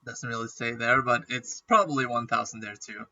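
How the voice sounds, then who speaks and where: Heard dull and a bit far away, as if seated back from the microphone, a male gaming YouTuber chats his way through casual commentary at a moderate pace. His medium-pitched voice is very bright and sharp with fairly even intonation, and he keeps pausing to clear his throat because of a persistent cough.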